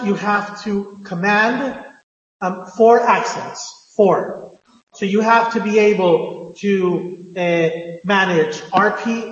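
Male lecturer, high-pitched, hesitant and stop-start while explaining a course, recorded in a very reverberant room. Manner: halting, hesitant delivery with frequent filled pauses and repeats. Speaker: university language teacher. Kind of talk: online lecture, improvised explanation. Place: indoor room, teaching a live online class. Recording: echoey reverberant room, muffled audio.

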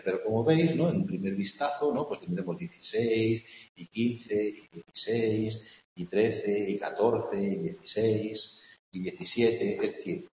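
A low-voiced man from lectures a class in a big echoing room, with a faint hiss under the recording. He checks in with "¿no?" after almost every phrase and chants vowel sounds loudly when he scans verse. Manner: keeps asking "¿no?" to check on the class. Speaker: teacher. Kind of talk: classroom lecture on poetic meter. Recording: echoey hall with faint hiss, mic far off.

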